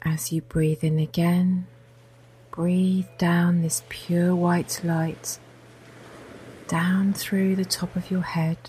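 Slow, whispery low-voiced woman guide. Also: little pitch movement, a little hiss or hum. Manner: soft, slow, often whispered. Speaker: meditation guide. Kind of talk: guided meditation.

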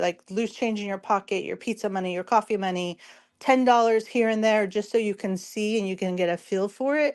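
Her voice going, a woman hosting a casual commentary show sounds hoarse, strained, and tired as she explains things step by step in an informal way, addressing listeners directly. She has a mid-range voice with a darkish tone.

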